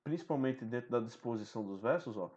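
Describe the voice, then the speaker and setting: A man's voice: mid-range voice, lively intonation, quick pace, darkish tone. A man teaching a recorded online lesson, explaining step by step and often checking in with the listener. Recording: dull lo-fi sound.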